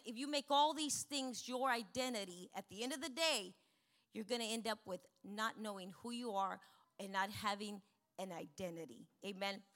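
An emphatic woman preacher with a fairly high, fairly bright voice gives a bilingual sermon, switching between Spanish and English. She says "amen" often and slows down for key points.

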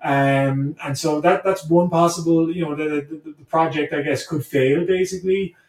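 A native English-speaking man, appearing as an interview guest, talks reflectively, hesitating and repeating words as he thinks. His voice is fairly high with a darkish tone, fairly even intonation, and normal speed. The recording is roomy and echoey, with him distant from the mic.

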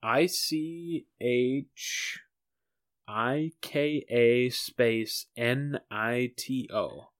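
Earnest podcast man, smooth clear voice. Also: medium pitch, extremely slow, a bit bright. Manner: earnest, keen to correct himself. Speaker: podcast co-host. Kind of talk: casual chat.

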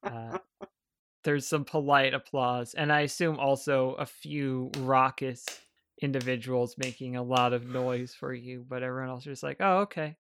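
A man running a tabletop game as game master, narrating scenes in an unhurried, descriptive way. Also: medium pitch, little pitch movement, a bit bright, clean tone, dry recording.

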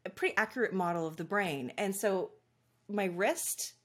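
A woman's voice: mid-range voice, moderate pace. A woman who works as a parent coach, talking casually and telling stories in an interview, laughing easily. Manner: animated storyteller, laughs easily. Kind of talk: conversational interview.

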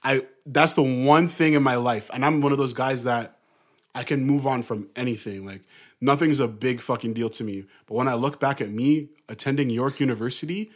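A man's voice: medium pitch, normal speed. A man, chatting casually in a basement, blunt and slang-heavy, swearing freely. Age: 20s. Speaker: podcast co-host and musician. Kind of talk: casual chat.

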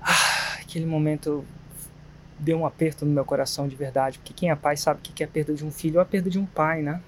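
A man's voice: a little high, steady tone, quick pace, slight background noise. A man with a Brazilian Portuguese accent hosting a live stream, talking casually and sincerely, wandering between stories. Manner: chatty, digressive, sincere. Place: guesthouse, quiet spot.

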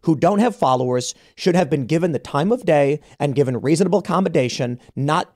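A man's voice: on the high side, expressive, brisk, darkish tone. A man in his thirties from the United States, hosting a podcast and telling an indignant story full of restarts and repeated words. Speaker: podcast host. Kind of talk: casual podcast conversation.

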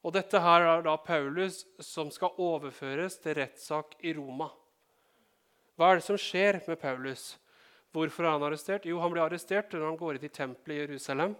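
A man's voice: fairly high pitch, fairly bright tone, clean tone. A man from Norway preaching a sermon in a conversational way, checking in with the congregation and adding joking asides. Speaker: pastor.

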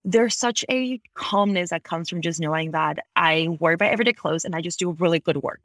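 An Ecuadorian woman in her thirties, speaking as a podcast guest from a Bay Area home office, talks fast and articulately about her career, often correcting herself mid-sentence. Her lowish voice is a bit bright, captured as clean studio sound with no room tone, in a conversational interview.

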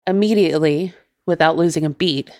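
A woman podcast host narrating her own ghost story in a measured, deliberate way. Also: low-pitched, darkish tone, dry recording.

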